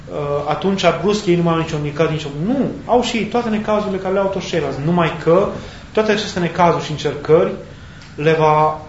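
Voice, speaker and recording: A man preaching a sermon in a thoughtful way, pausing and searching for words as he goes. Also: on the high side. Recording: echoey, dull sound with faint background hiss.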